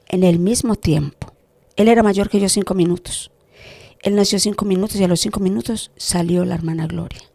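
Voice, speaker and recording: Woman preacher giving her testimony, slow and fiery, dry close sound. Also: medium pitch, mellow, no echo. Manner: impassioned, pleading.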